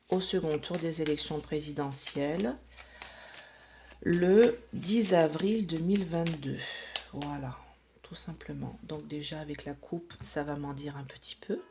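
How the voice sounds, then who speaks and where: A woman's voice: low voice, measured pace, gravelly, noisy background. A woman chatting casually to camera as she lays out runes and cards for a reading, explaining each step with plenty of fillers. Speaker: psychic reader.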